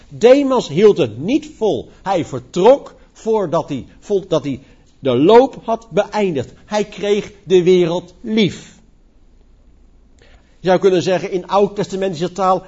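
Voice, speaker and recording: Emphatic preacher, husky lively voice. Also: male voice, sits high. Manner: emphatic, rising and falling preaching cadence. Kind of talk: sermon. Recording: dull lo-fi church recording.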